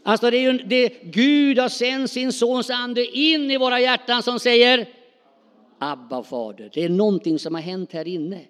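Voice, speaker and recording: A middle-aged male preacher with a high, clean-toned voice delivers an animated, spontaneous sermon with few pauses, calling questions out to the congregation. Each phrase rings through the church hall, trailed by a long reverb.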